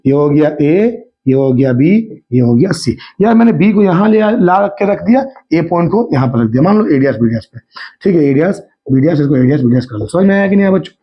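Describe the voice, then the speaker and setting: A man teaching a school math lesson, his throat slightly hoarse, who keeps coaxing the class and asking whether they understood. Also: fairly high pitch, lively intonation, brisk. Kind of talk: Hindi math lesson at a whiteboard. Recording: dull lo-fi recording.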